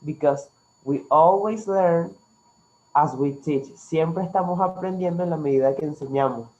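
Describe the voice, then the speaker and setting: Online English teacher, Latin American Spanish accent, native Spanish speaker, mid pitch, encouraging and instructive, slightly dull class audio. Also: normal speed, a little mellow. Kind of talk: interactive online language lesson.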